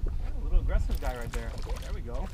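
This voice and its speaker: A fishing vlogger in his thirties chats casually and playfully from a small boat on open water, counting his catches. He talks fast with lively intonation at medium pitch. An action camera on the boat picks up wind and water noise.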